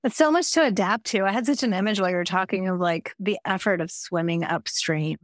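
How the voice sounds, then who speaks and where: A woman's voice: mid-range voice, fairly quick, no room sound, studio quality. A woman hosting a podcast in a thoughtful, empathetic way, asking open questions. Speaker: podcast host. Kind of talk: conversational interview.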